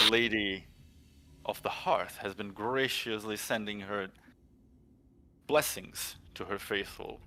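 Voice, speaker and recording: Man voicing a pompous male villain engineer, haughty, condescending, forceful low voice, faint music behind. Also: exaggerated voice. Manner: condescending, grandiose.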